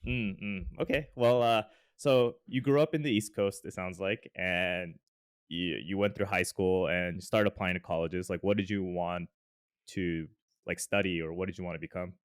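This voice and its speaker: A man's voice: sits low, fairly even intonation, moderate pace, clear, resonant tone, no echo, studio quality. A young man hosting a podcast over a video call, asking questions in an easygoing way and laughing along with his guest. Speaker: podcast host. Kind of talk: casual interview and scripted intro. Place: home room, on a video call.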